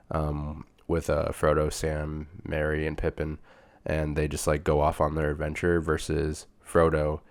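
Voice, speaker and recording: The speaker is a young booktube reviewer with a gravelly bass voice, slightly off since he's recovering from illness. He chats casually about a book, using informal slang and frequent fillers.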